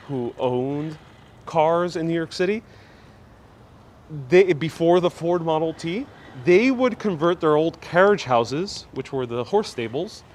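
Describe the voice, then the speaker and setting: A man with a fairly high voice talks through a mask, so he sounds a little muffled. He guides a live walking tour in a chatty, polite way, replying to viewers as he goes. Light street noise and traffic sit behind him outdoors. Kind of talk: casual live commentary, answering viewer comments. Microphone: clip-on mic worn on the body. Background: street ambience, passing vehicles.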